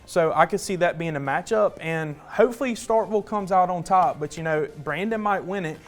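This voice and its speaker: A young adult man anchors sports on a student newscast, sounding upbeat and chatty with casual fillers. His voice is high-pitched and his pace a little fast.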